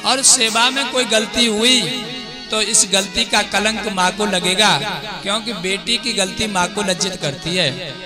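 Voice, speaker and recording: A man voicing a gentle, dutiful young bride princess who earnestly consoles her mother in devotional storytelling. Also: sits high, measured pace, over music.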